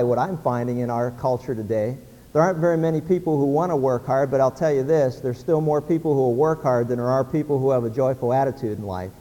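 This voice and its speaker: High-voiced preacher in a reverberant hall. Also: male voice, mellow. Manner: storytelling preacher, acts out characters in jokes. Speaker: pastor. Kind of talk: sermon with told jokes.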